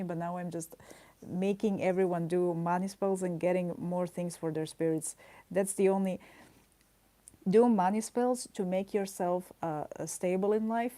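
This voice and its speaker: With a warm, fairly low-pitched voice, a livestreaming artist talks casually to her viewers as she draws. She rambles in playful asides, laughs often, and teases her chat with mock indignation.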